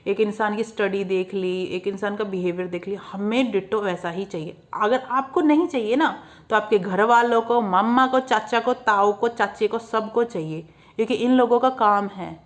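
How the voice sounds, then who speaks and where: A woman's voice: medium pitch, normal speed. Blunt young Haryanvi woman vlogger. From Haryana, India. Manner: blunt and outspoken, mixing Hindi with English words and laughing at her own jabs. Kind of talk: casual monologue to camera.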